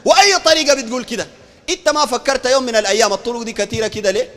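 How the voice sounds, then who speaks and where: A man with a Sudanese Arabic accent preaching a street sermon, animated and throwing rhetorical questions at his listeners. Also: very high voice, very fast, long reverb tail. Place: outdoor market.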